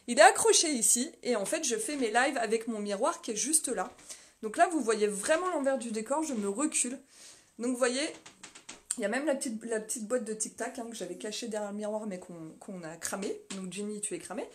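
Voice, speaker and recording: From her small home office, a woman vlogger chats casually on a live stream, rambling with many fillers, laughing often and reading viewer comments aloud. Her fairly high voice is fairly quick. Recorded on a phone mounted on a stand, the audio carries a little hiss or hum.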